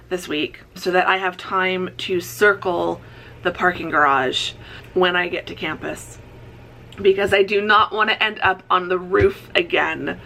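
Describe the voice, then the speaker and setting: A woman's voice: lowish voice, gravelly, bright, forceful tone. A woman talking casually to camera in a vlog, chatty and upbeat, rambling with fillers before heading off to teach. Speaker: author and college writing teacher vlogger.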